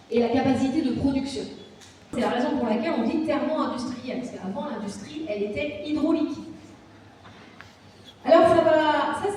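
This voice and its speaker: A woman's voice: sits high, a little mellow, slight background noise. A woman giving a public lecture in an explanatory way, often checking with the audience that they follow. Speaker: university lecturer giving a talk. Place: meeting hall. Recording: echoey hall from far off.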